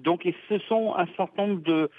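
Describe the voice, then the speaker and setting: A man's voice: high voice, normal speed, dry recording. A man with a northern French and Parisian accent, giving an enthusiastic, chatty live report for the radio by phone from a street festival, with many fillers and restarts. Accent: northern French mixed with Parisian. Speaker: culture reporter. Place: outdoors at a street festival, stepped aside from the crowd. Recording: dry tinny phone line.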